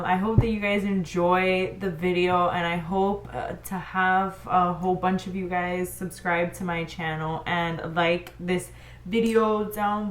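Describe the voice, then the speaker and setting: A woman's voice: mid-range voice, a little hiss or hum. A woman beauty vlogger talking viewers through a makeup tutorial in a chatty, informal way, as if to friends. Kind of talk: casual makeup tutorial chat.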